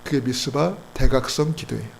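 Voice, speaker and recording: Emphatic gravelly male pastor preaching. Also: brisk, a little hiss or hum, low-quality recording. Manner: emphatic, swings between loud exhortation and low asides. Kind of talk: sermon. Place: church sanctuary.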